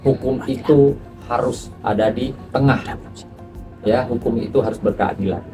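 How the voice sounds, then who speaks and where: A man, a lawyer, giving a measured press statement, repeating his points with a steady filler. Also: medium pitch. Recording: far from mic with music behind.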